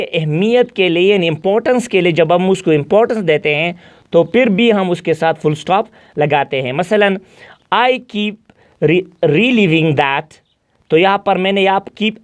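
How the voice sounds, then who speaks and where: A man teaching an English grammar lesson in a mixed Hindi-Urdu and English speech. He reads his English examples out slowly and keeps checking back with the class. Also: high-pitched. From Pakistan. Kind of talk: classroom lecture.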